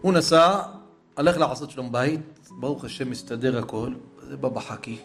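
A man preaching a sermon through a story, moving between hushed passages and raised, fervent ones. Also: mid-range voice, soft background music.

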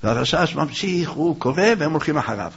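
A man's voice: fairly high pitch, gravelly, breathy edge. A man preaching, telling a folk tale with acted-out voices, then auctioning candles. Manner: animated storyteller, acts out shouting voices. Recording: dull lo-fi recording.

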